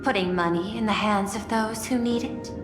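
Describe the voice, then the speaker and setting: A woman plays a composed, calculating machine intelligence running a company in a game drama. The words are formal and precisely placed with dry wit, at a medium pitch. Long reverb surrounds the voice, with music underneath. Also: moderate pace, lightly acted. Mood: coolly bargaining. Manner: formal, composed, precisely articulated, dryly teasing. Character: cool, calculating female-voiced artificial intelligence CEO.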